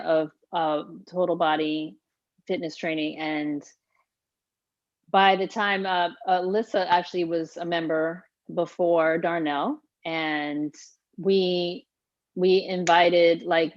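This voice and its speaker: A woman's voice: fairly low pitch, no room sound, dull audio. A woman fitness coach hosting a casual live-stream interview, chatty with frequent laughs and fillers. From Haiti.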